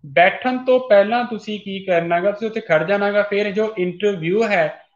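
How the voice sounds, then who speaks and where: A man's voice: sits high, moderate pace. A man with a Punjabi accent teaching a class, explaining patiently and repeating his points, dropping in English phrases. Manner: repetitive, instructive, mixes English phrases in. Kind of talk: classroom lesson. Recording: echoey room, dull lo-fi sound.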